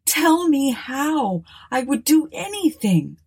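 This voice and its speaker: A woman voicing an earnest young gentleman, eager to help, speaking urgently. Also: high voice, big pitch swings, takes it slowly, pitched above the performer's own voice, full character voice. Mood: anxious.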